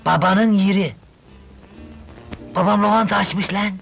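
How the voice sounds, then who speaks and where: A man's voice: sits high, fairly even intonation, unhurried, vocal fry, music in the background. A man playing a naive rustic young man out of his depth in the city, with country talk in a 1970s comedy film. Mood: bewildered.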